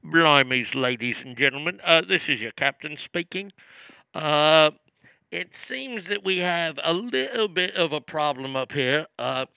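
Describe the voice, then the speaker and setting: A man's voice: on the high side, expressive, unhurried, gravelly, sharp tone, clean tone, dry recording, pitched below the performer's own voice, heavily acted. A man putting on a male airline captain who makes a hesitant announcement over the intercom, stalling with uh's. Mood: sheepish.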